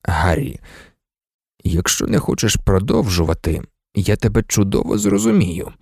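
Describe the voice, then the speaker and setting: A calm, gentle male teacher, as a man voices him in an audiobook, pitched a little below the reader's usual voice and kept soft and measured. A gravelly texture runs through it in a dry, close recording. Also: no echo, heavily acted.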